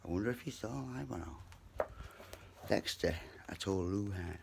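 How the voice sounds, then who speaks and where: A man's voice: low voice, animated, normal speed, creaky, noisy background. A British man rambling casually to viewers from his bedroom, meandering between asides, with some trouble pronouncing his R sounds. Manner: meandering, digressive, talks to viewers. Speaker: vlogger. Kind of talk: casual, rambling vlog chat. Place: bedroom at home.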